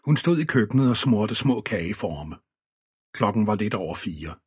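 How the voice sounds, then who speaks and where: Low husky male audiobook narrator. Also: expressive, darkish tone, dry recording, studio quality. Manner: measured storytelling. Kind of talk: scripted narration.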